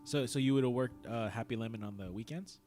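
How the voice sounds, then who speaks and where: A young man from San Diego hosting a relaxed live chat, often repeating words as he goes. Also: mid-range voice, a little fast, soft background music. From San Diego, United States. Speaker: host. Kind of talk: casual chat on a live stream.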